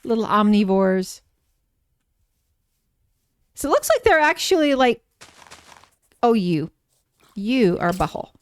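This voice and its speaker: A woman streamer giving casual live gameplay commentary, gushing and excitable as she talks to herself and her chat. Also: medium pitch, unhurried, long pauses, clear, resonant tone.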